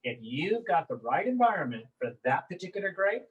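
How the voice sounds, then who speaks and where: A man's voice: high-pitched, sing-song, fairly quick, dull audio. A man talking as a wine book author, enthusiastic and prone to repeating words as he starts sentences. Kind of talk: promotional chat.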